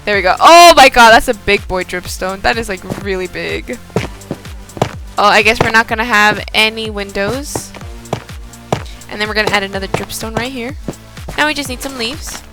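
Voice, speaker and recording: A woman hosting a gaming video, excitably thinking aloud in casual commentary as she builds. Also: medium pitch, normal speed, pauses often, over music.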